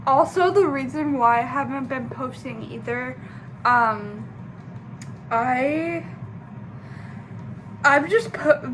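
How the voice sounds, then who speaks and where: A young woman vlogging casually, rambling in a halting way with many fillers and restarts. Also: high-pitched, background noise. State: sleepy, just woke up. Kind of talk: casual personal vlog.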